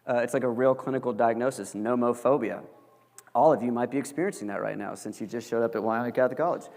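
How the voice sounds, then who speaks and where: A young guest lecturer addresses college students in a casual, chatty style, joking often and filling his speech with fillers. He talks fast in a mid-range, slightly mellow voice, and a large hall's long reverb surrounds him.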